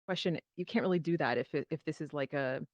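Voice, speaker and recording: Speaking fast in a low voice, this woman, a VR theatre performer and show host, joins an informal voice-chat panel and tells stories with animation. There's no room sound, but the audio is dull and lo-fi.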